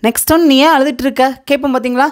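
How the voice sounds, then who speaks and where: A woman with a Tamil accent teaching a spoken English lesson, saying each question twice with careful, drawn-out repeats and quicker asides between them. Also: sits high, fairly even intonation. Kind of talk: slow repeat-after-me language lesson.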